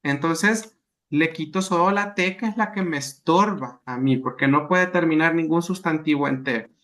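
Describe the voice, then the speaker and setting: A man's voice: on the high side, normal speed, a bit bright. A man teaching a language class, patiently explaining grammar and checking understanding with frequent questions.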